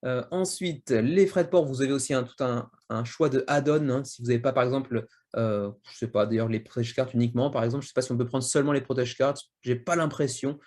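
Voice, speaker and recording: A man's voice: mid-range voice, quick pace, a little mellow. A man hosting a board game channel, talking casually through crowdfunding projects with lots of fillers and restarts. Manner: rambling, full of fillers and restarts. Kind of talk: casual video review narration. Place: home in Japan.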